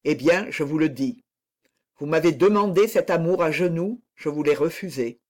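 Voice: medium pitch, moderate pace, a little mellow, lightly acted. A reader voicing an impassioned noble lady who declares her love in a fervent, pleading manner.

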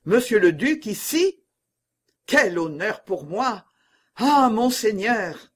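A timid, injured councillor, as a male audiobook reader puts him on, flustered and fawning before his grand visitors. He speaks high and husky, and his lines rise sharply in pitch. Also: expressive, measured pace. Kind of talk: audiobook novel reading.

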